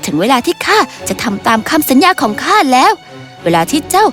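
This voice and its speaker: A woman voicing a stern female fairy of truth who pronounces judgment slowly and solemnly, in a storybook tale. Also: high voice, big pitch swings, a bit bright, faint music behind.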